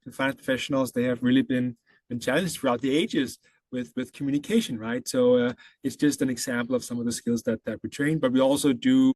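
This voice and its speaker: A man's voice: mid-range voice, fairly even intonation, brisk, darkish tone, dry recording. Danish-accented man in a dry close recording. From Denmark. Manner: thoughtful, with frequent fillers and restarts. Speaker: guest, consultant. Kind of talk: casual interview.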